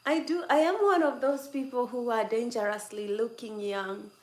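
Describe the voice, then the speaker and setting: A woman over twenty-six runs a casual livestream from her home, joking with viewers, chatting and laughing a lot. Her fairly high voice moves at a normal pace, and the echoey room carries faint background noise.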